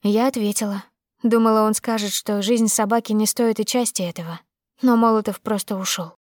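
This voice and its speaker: A woman narrating a first-person audiobook in a steady, emotive storytelling manner. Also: medium pitch, a little fast, dry recording, clean studio sound.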